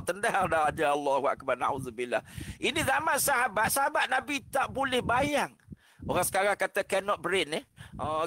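A man with a Malaysian Malay accent giving an animated religious talk over a video call, often exclaiming religious phrases and acting out the voices in his stories. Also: high-pitched, slight background noise, rough recording. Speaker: religious speaker on a parenting panel. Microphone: online video call.

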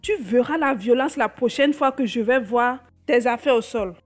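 A woman plays a short-tempered wife who scolds and accuses in a high-pitched voice. Soft music runs under the dubbed film track. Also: normal speed, close to an everyday voice. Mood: menacing. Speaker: angry wife.

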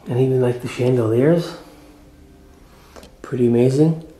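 A man giving a casual, excited walk-through vlog of an old mansion, chatty and often dropping to a murmur. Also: mid-range voice, measured pace. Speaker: vlogger touring a historic mansion. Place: indoors, large old house.

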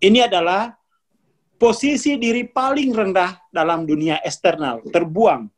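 A speaker giving a relaxed spoken lecture on spiritual consciousness, repeating warnings and laughing between points. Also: mid-range voice, measured pace.

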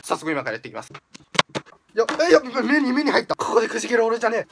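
Young man, comedic kitchen vlog, very fast talk, noisy home video. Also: extremely high pitch, wildly swooping pitch, creaky. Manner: loud, exaggerated self-mocking bravado. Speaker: YouTuber.

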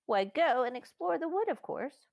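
A woman doing an earnest, brisk eldest boy. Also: sits high, very animated, creaky, dry recording, studio quality, voice pushed up, exaggerated voice. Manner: brisk, earnest, well-spoken. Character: eager, take-charge boy, eldest brother.

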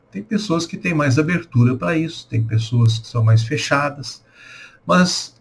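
A Brazilian pastor in his sixties giving a calm, reflective home devotional with a prayer. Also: medium pitch, creaky, breathy edge. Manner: calm, unhurried, reflective with pauses. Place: small room at home, indoors. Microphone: webcam at desk.

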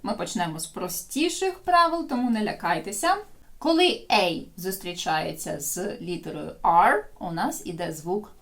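Lively woman teaching English. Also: fairly low pitch. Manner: explains in Ukrainian and slowly models English phrases for repetition. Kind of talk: video language lesson.

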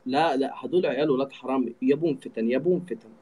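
A fast-talking man with an Egyptian Arabic accent jokes and teases casually while hosting a live stream via live video call in an indoor room. His medium-pitched voice is darkish with a breathy edge, and the recording quality is rough.

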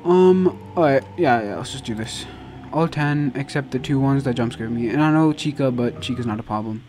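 A man's voice: medium pitch, normal speed, darkish tone, faint music behind. A young man giving casual let's play commentary as a game streamer, flustered and exasperated, swearing often. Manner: frequent profanity.

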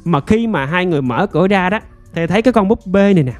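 A man telling a ghost story in a casual, chatty way, with many fillers and drawn-out phrasing. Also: high-pitched, lively intonation, faint music behind.

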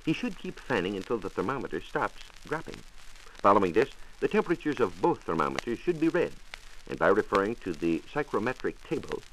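Brisk and very animated, this American man has a lowish, slightly bright voice. Acting as a 1940s radio reporter in a studio, he gives a formal, precise scripted science explanation, heard through the noise of a vintage 1940s transcription disc.

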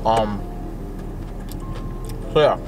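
A man's voice: lowish voice, drawn-out words, music in the background. Young man chatting while eating. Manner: rambling, filler-heavy, laid-back. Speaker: vlogger. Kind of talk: casual chat to camera.

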